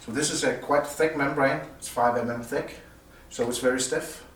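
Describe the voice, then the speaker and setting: A male product designer introduces a loudspeaker at an audio show premiere, talking unscripted about semi-technical points. His medium-pitched voice is fairly bright with fairly even intonation, and his explanations come out haltingly. The indoor recording is roomy and distant, with faint noise behind him.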